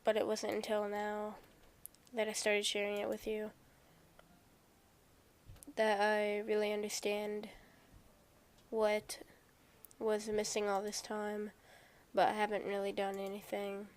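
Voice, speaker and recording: A woman voicing a shy, soft-spoken, bookish teenage girl who talks in a hesitant, self-doubting, gentle way. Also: medium pitch, monotone, slow pace, pauses often. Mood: tender.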